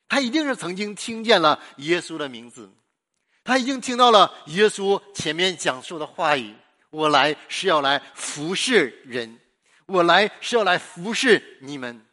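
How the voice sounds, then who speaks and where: A male pastor preaching with a somewhat high, bright and forceful voice. He swings from loud emphasis down to near-hushed lines and keeps putting questions to his listeners. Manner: repetitive rhetorical questions to the listeners. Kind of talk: sermon.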